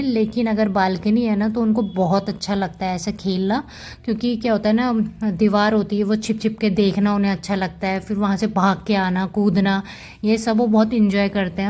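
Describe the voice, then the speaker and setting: A woman's voice: medium pitch, darkish tone. A woman giving a casual, chatty voice-over about her pet cats, fond and explaining as she goes. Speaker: cat vlogger.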